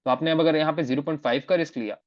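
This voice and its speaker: A man's voice: fairly high pitch, rapid-fire, a little mellow, no room sound. Man teaching trading on a muffled online call. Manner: code-switching, repeats phrases for emphasis. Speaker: trading mentor. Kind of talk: live online trading lesson.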